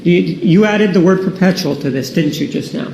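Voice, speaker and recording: A man's voice: sits high, moderate pace, creaky, a little mellow, dull audio. A man cross-examining a witness as prosecutor in a courtroom recording, pressing hard and demanding yes-or-no answers. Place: large echoey courtroom. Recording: echoey courtroom recording with faint noise.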